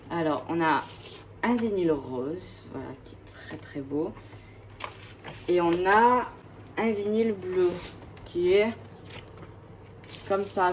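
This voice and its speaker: A woman's voice: on the low side, slight background noise, low-quality recording. A woman vlogger chatting casually and gushing about her records, with many hesitations. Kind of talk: casual chat.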